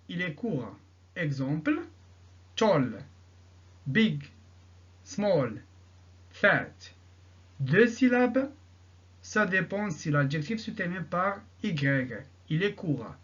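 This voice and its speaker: A man's voice: high voice, very animated. Guy teaching english grammar, asks himself questions then answers, muffled lo-fi sound. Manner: repeats each example sentence slowly. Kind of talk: recorded grammar lesson.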